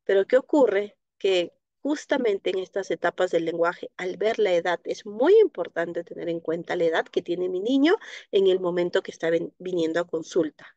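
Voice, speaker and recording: A woman's voice: lowish voice, dry recording, dull audio. A woman teaching a live online class on child speech, explaining patiently and checking in with a frequent "¿no?", in Latin American Spanish. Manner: explanatory, frequent tag "¿no?", soft diminutives. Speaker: speech therapy instructor. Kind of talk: live online class, answering viewer questions.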